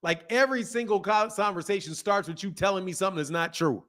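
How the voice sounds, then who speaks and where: Talking at a quick pace, this boxing channel host, a man in his fifties with a fairly high voice, reads and answers live-stream comments in a loose, casual way. He's animated, says his points again and again, and laughs often.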